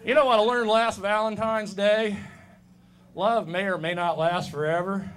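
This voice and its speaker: A man's voice: high-pitched, fairly even intonation, moderate pace, fairly bright tone. A man in his fifties performing a stand-up set, delivering dry, self-deprecating one-liners on a comedy club stage. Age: 50s.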